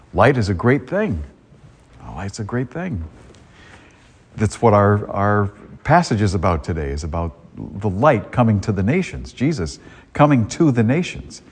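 A man's voice: on the low side, a little mellow. A man speaking as a priest at a church service, his voice carrying a long cathedral echo. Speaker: priest giving a gospel reading and homily. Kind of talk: church sermon and scripture reading. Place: large reverberant church.

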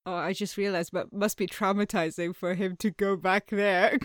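A woman's voice: mid-range voice, steady tone, normal speed, dry recording, clean studio sound. Teasing woman tabletop player. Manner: casual, teasing.

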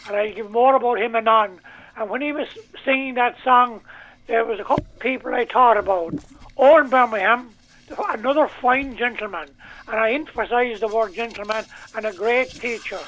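A man's voice: very high voice, moderate pace, a bit bright. A man with an Irish accent, a storyteller reminiscing over a telephone line with courtly, emphatic, old-fashioned phrasing. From Ireland. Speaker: storyteller, phone-in guest. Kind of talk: reminiscing chat. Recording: telephone line into radio show.

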